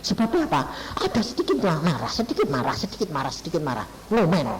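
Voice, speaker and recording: A middle-aged male evangelist with a Javanese accent preaches a lively sermon. His fairly high voice swings widely in pitch as he tells stories and acts out both sides of a conversation. He keeps turning to his listeners to address them directly. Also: fast, a little hiss or hum, poor audio. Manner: animated storytelling, acts out dialogues, addresses audience as "saudara".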